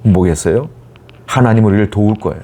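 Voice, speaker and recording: Low-voiced man preaching a sermon. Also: fairly quick, dark tone. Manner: preaching with rhetorical questions. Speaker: pastor.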